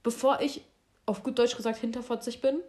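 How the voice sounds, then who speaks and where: A woman's voice: fairly high pitch, fairly even intonation, brisk, darkish tone. A young woman in casual chat, blunt and outspoken in how she talks.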